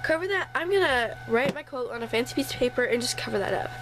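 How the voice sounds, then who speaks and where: Her voice sits high, with lively intonation and a quick pace, and her nose sounds stuffy. She chats casually through a craft tutorial at a home craft table indoors, apologizing now and then while working, as a sump pump hums faintly nearby.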